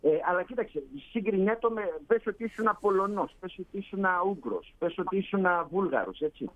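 A man's voice: high voice, lively intonation, phone-quality sound. A man from Greece chatting casually, telling stories and acting out quoted dialogue. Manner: storytelling, acts out quoted dialogue. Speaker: guest, Greek living in Canada. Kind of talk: casual chat.

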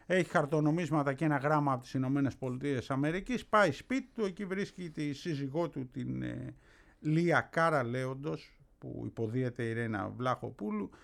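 A man's voice: medium pitch, creaky. Chatty male radio host. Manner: chatty, lots of filler "έτσι". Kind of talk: casual chat, presenting a film clip.

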